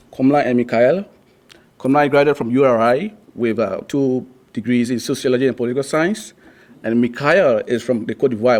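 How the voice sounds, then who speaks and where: A man's voice: medium pitch, a little mellow. A young man from Liberia giving a class presentation, earnest and restarting his sentences often. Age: young adult. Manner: earnest, with frequent restarts and fillers. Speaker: student presenter.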